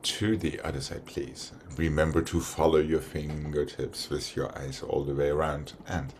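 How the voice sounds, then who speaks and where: A man teaching a ballet class, calling out short cues and counting exercises in a steady rhythm. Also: extremely low pitch, normal speed, a little hiss or hum. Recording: piano music playing in the room. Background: piano accompaniment.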